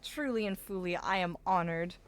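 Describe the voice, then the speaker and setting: A woman streaming a horror puzzle game, chatting casually and excitably, affectionate in a theatrical way and easily startled. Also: lowish voice, normal speed, smooth. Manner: theatrically affectionate, addresses people as darling. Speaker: game streamer hosting a livestream. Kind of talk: casual livestream chat while playing a puzzle game.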